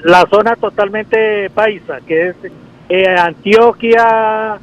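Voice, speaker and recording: A man's voice: sits high, steady tone. A man from Colombia's Valle del Cauca with a Valle accent, calling in to a radio show and chatting agreeably. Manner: chatty and agreeable, quick to confirm. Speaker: caller. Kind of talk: casual radio call-in chat. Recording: dull phone line with faint noise.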